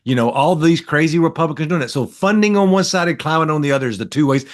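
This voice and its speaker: A man's voice: a little high, expressive, fast talker. A middle-aged man, talking politics in a blunt, folksy way as a podcast co-host. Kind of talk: casual political chat.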